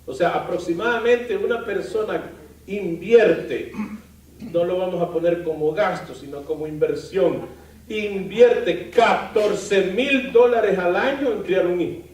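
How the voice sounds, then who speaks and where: Pastor guy preaching, higher voice, lively and joking, echoey church, mic kinda far. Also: measured pace. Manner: lively, with rhetorical questions to the congregation and light humor. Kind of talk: sermon. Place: church sanctuary.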